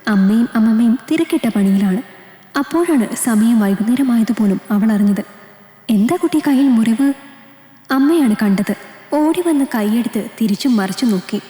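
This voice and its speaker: Female storyteller, calm scripted reading, slightly high voice, roomy echo. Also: moderate pace. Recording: echoey room, long reverb.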